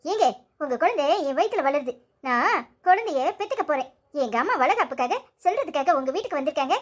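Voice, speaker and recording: In a cartoon story, a woman plays a young wife who is hurt and pleading, using a very high, thin voice. She talks fast and expressively, insistently hounding her husband with reproachful, wounded questions.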